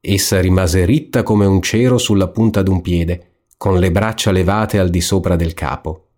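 A man reading a fairy tale aloud in a calm, measured storytelling manner. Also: low voice. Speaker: narrator.

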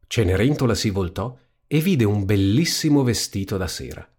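A man reading a fairy tale aloud as storybook narration, in an expressive, lively manner. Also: on the low side, normal speed, breathy edge.

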